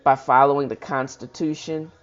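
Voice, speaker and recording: With faint music behind, a reading-show host delivers a historical speech at normal speed in a medium-pitched voice with fairly even intonation. They add informal remarks, stumble now and then, and fix their mistakes, all in dull lo-fi sound.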